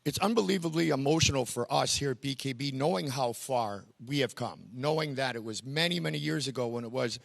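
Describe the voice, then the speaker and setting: A man's voice: medium pitch, a little fast, creaky, hardly any pauses, dry recording. A man hosting a fight promotion interview, enthusiastic and promotional in manner. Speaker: commentator and host. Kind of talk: event hype interview. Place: indoor arena venue.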